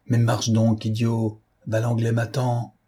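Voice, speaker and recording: A man playing a fierce, commanding gentleman thief in an audiobook, speaking urgently and imperiously. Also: mid-range voice, completely flat delivery, takes it slowly, breathy edge.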